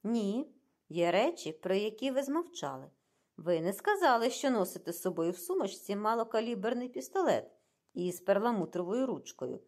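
Woman voicing a probing middle-aged detective, calm, pointed questions, audiobook. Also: mid-range voice, normal speed, pitched above the performer's own voice.

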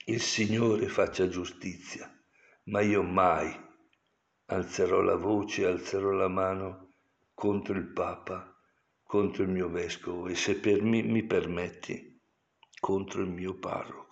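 A man's voice: low-pitched, fairly even intonation, takes it slowly. An older man, a priest, giving a sermon in a digressive, explanatory way that turns to stern warnings. The recording is dull and lo-fi.

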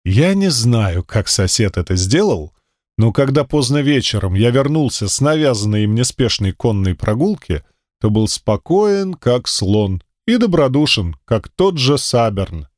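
A man reading a first-person fantasy audiobook in a steady, measured storytelling voice. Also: mid-range voice, no echo, studio quality. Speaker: audiobook narrator.

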